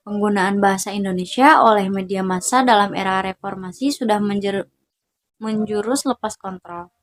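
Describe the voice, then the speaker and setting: A young woman student reading her part of a group class presentation aloud, steady and careful, pausing between list items. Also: on the high side.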